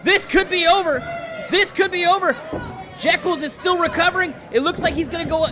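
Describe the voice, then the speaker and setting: A man doing excited play-by-play wrestling commentary in an emphatic, dramatic way, often shouting. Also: very high-pitched, fairly quick. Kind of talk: excited live wrestling commentary, calling moves and counts. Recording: loud crowd and music behind. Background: crowd noise and music.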